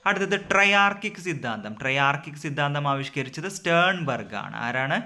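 A man, an exam coaching tutor who runs a rapid-fire revision drill, asking each question and then repeating the answer over and over. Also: a little high, expressive, sharp tone.

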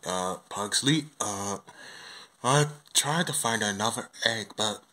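A man's voice: lowish voice, animated, slow, pushed and bright, pitched below the performer's own voice, full character voice. A man voicing a timid, polite bear who loves marmalade, in a homemade puppet show. The bear mumbles in hesitant, broken phrases. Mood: meek.

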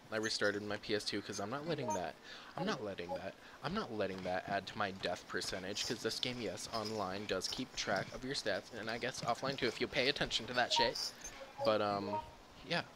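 A man giving casual, jokey gameplay commentary on his own microphone, swearing freely and talking in animated bursts. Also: fairly low pitch, noisy background. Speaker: gaming commentator. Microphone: own desk microphone.

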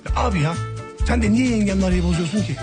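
A young actor playing a wary younger brother who bargains quickly and complains. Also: male voice, high voice, over music, close to an everyday voice. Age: young adult. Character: young brother Sadık, sulky and wary, man.

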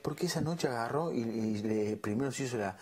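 A man's voice: medium pitch, brisk, a little mellow, breathy edge. A young man with an Argentine accent, gossiping insistently and repeating words as he stammers. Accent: Argentine Spanish. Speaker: reality show housemate. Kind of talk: heated gossip chat.

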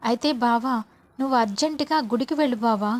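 A woman's voice: fairly high pitch, fairly quick, natural voice. A woman voicing a sly, scheming middle-aged mother who coaxes and insists. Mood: insistent. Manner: coaxing, insistent.

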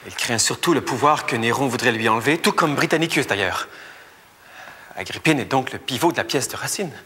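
An earnest young priest in a television period drama. The male voice is medium-pitched and crisp-edged, formal and didactic, ringing in a reverberant hall. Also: animated, brisk, bright, forceful tone. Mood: earnest, firm. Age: young adult. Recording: echoing hall, faint noise.

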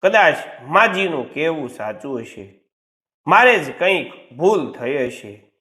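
A man voicing a gentle, innocent young bride who talks softly and gives way in a storybook tale. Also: a little high, very animated, takes it slowly, roomy sound, exaggerated voice. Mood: self-doubting. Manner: soft and yielding.

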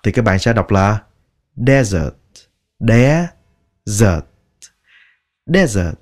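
A man teaching English pronunciation, drilling each word slowly and repeating it many times. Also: fairly low pitch, animated. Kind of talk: slow, deliberate pronunciation lesson.

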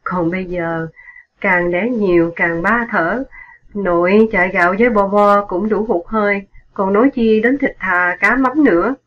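A woman's voice: medium pitch, a little slow, lo-fi sound, natural voice. A woman voicing a poor, grieving middle-aged former soldier who laments his wife's death in a mournful, wailing tone. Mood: wistful.

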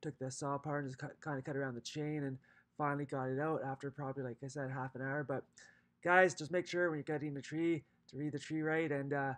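A man's voice: a little high, level tone, quick pace, fairly bright tone. A man in his forties narrating his own tree-cutting vlog in a rambling, self-critical, casual way. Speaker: vlogger, maintenance business owner. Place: outdoors in snow, with a later voice-over.

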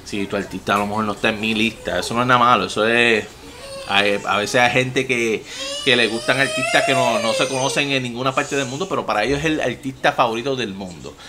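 A young Puerto Rican man with a medium-pitched, slightly quick voice hosts a casual music reaction vlog from his room at home, surrounded by TVs and gaming gear. He speaks Puerto Rican Spanish-accented, animated and profane, swearing often and gesturing broadly as he talks.

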